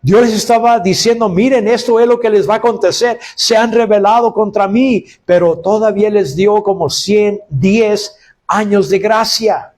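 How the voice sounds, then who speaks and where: A man's voice: high-pitched, moderate pace, a little mellow. A man preaching a sermon to his congregation, calling them brothers and acting out quoted cries of woe. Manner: preaching, addresses listeners as brothers. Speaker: pastor.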